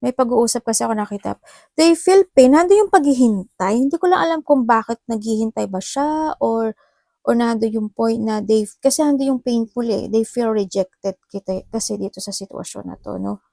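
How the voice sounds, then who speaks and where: A woman from the Philippines giving a casual tarot reading, chatty and laughing often, her voice a little hoarse. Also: fairly high pitch, normal speed, mellow, dry recording, studio quality. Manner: chatty, mixes Tagalog and English, laughs often. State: slightly hoarse voice. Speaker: tarot reader.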